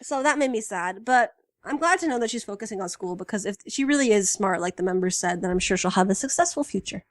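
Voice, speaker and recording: A woman's voice: mid-range voice, animated, quick pace, dry recording. A woman co-hosting a casual fan podcast, chatty and enthusiastic, full of fillers. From United States. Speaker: podcast co-host.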